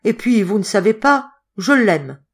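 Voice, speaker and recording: A woman's voice: mid-range voice, normal speed, darkish tone, pitched above the performer's own voice, close to an everyday voice. Woman doing a pleading frightened boy. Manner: pleading, plaintive. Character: poor frightened young boy servant.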